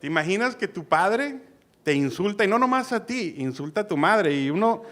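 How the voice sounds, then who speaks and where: A young man preaching a sermon, animated, switching between loud emphasis and soft asides. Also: sits high, normal speed, background noise.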